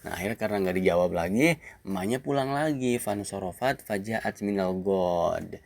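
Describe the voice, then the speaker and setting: A man's voice: sits low, moderate pace, gravelly, darkish tone, no echo. A man, a religious teacher reciting Arabic text and then retelling the story in casual explanation with frequent filler tags.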